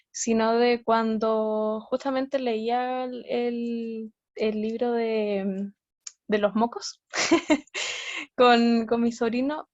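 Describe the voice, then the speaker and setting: A woman's voice: a little high, a little mellow, dry recording, dull audio. A woman asking a question on a video call, hesitant and searching for her words.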